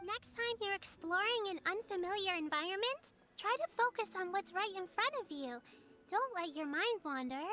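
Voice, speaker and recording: A polite, high little girl. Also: expressive, moderate pace, bright, forceful tone, exaggerated voice. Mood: caring. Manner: formal, motherly, well-mannered. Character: polite, caring little girl from the harbor region. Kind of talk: video game dialogue.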